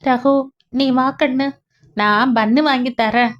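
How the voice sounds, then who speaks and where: A kind working-class helper woman speaks gently and coaxingly, voiced by a woman storyteller. Her manner is soothing and protective. The audiobook recording sounds dull. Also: sits high, fairly even intonation, takes it slowly. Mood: gentle.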